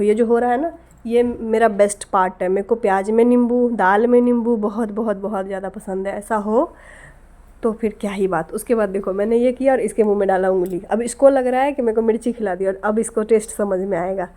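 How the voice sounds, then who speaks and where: A woman in her thirties, hoarse from a cold with a scratchy throat, chatting to viewers in a casual vlog. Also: on the high side, warm tone. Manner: chatty, talks straight to viewers. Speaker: vlogger.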